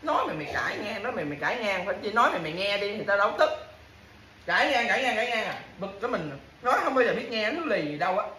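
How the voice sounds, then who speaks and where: A woman with a mid-range voice scolds her partner at home in casual domestic bickering, repeating the same complaints and empty threats again and again. Her delivery is very animated, racing, pushed and bright. The recording is in an echoey room with faint background noise.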